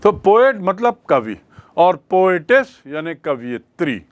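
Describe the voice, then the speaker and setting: Slow, deliberate male grammar teacher. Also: sits high, sing-song, dry recording. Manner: explains in Hindi mixed with English, repeats questions and spells words letter by letter. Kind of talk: classroom grammar lesson.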